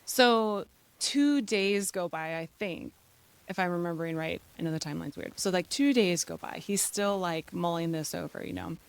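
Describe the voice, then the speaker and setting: A middle-aged woman speaking at church, telling a personal story in a relaxed, conversational way with quick asides and laughter. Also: fairly low pitch, gravelly, clear, resonant tone.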